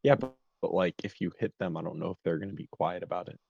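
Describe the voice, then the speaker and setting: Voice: sits low, lively intonation, fast, gravelly, darkish tone, slightly rough, highs cut off. A tabletop game player chatting in a laid-back way and laughing often. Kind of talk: casual tabletop game play.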